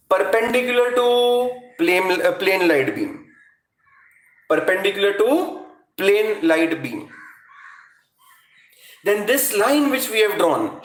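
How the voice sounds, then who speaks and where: A physics teacher with an Indian accent lectures an online class from a chalkboard in an indoor room, speaking in a high, fairly bright voice. He repeats phrases for emphasis and talks straight to his students. The room sounds echoey.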